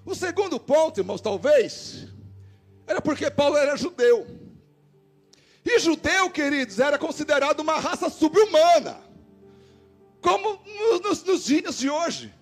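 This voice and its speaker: A man with a Brazilian Portuguese accent, a pastor giving an animated sermon and acting out the dialogue in his stories. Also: extremely high pitch, measured pace, pauses often, soft background music. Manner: animated preacher voicing quoted dialogue. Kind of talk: sermon with storytelling. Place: church service.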